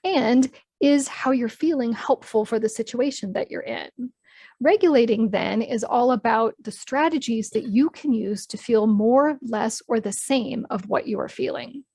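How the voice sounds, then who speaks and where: A higher-voiced woman guides an online training session. She explains things in a candid, personal manner. The sound is dry and close. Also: a little slow, creaky, mellow, slightly rough, no echo. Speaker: workshop presenter. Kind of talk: live online training talk.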